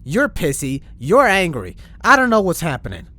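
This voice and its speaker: A man's voice: fairly high pitch, huge pitch swings, normal speed, exaggerated voice. A man playing an exasperated starship captain. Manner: exasperated, swinging from shouting to muttering. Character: frustrated young male starship captain. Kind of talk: Minecraft roleplay acting.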